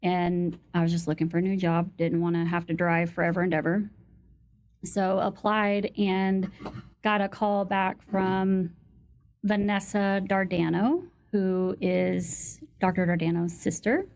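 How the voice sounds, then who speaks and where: A woman in her thirties, a podcast guest chatting casually, relaxed and quick to laugh as she tells rambling stories. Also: lowish voice. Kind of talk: casual interview chat.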